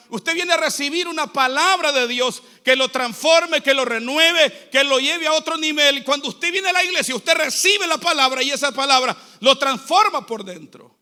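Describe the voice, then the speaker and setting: Man, pastor, Central American Spanish accent; very high, brilliant voice; exhorting sermon delivery. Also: pushed and bright. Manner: exhorting, repetitive preaching cadence.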